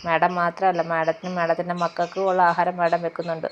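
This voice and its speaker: Woman recapper, low and level voice, rattles through the plot in a casual, rambling way. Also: monotone, quick pace, lo-fi sound, a little hiss or hum. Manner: rambling, with many fillers and repeated "she says" tags. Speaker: serial episode recapper. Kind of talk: casual spoken retelling of a TV serial episode.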